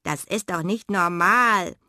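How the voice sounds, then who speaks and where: A woman voicing a gruff, stern male badger who scolds in a loud voice. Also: on the low side, slow, no echo, studio quality, exaggerated voice.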